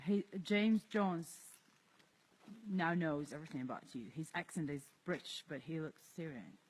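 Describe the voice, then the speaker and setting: Soft spoken guy streaming live outside, thoughtful, second-language english. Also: fairly high pitch, moderate pace. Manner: soft-spoken, reflective, laughs often. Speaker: livestream host. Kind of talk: casual livestream vlog. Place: outdoors in an abandoned area.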